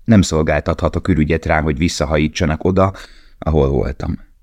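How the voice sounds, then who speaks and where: A man reading the part of a young male prisoner tattooist, earnest and gentle in a storybook. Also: rumbling low, no echo.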